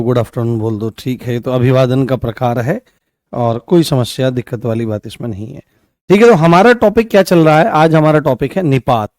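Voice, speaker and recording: A man's voice: mid-range voice, a little mellow, no room sound, clean studio sound. A man teaching an online grammar class, repeating key words and asking and answering his own questions.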